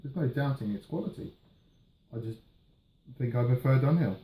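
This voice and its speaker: A man chatting casually through a tobacco review, musing and hesitant, pausing and trailing off between puffs on his pipe. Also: medium pitch, muffled recording. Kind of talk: casual video review chat. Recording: roomy, echoey sound.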